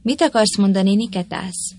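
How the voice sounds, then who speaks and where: A solemn, calm chieftain read by a woman. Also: mid-range voice, dry recording, close to an everyday voice. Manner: measured and solemn. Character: stern, calm male chieftain of a tribe. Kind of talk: audiobook reading of a historical tale.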